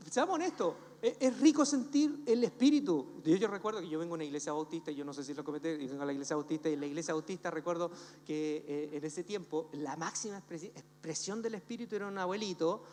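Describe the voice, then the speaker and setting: A man preaching a humorous sermon as pastor, telling stories with jokes and acting out the voices of the people in them. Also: on the high side. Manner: animated storytelling, jokes, acts out voices. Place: church hall. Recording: church hall reverb, faint hum.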